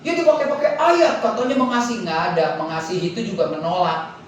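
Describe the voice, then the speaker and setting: A man's voice: sits high, fairly even intonation, fast, slight background noise. A male pastor preaching a sermon, blunt and joking, talking straight to the congregation. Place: large church hall. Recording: echoey church hall, mic far off.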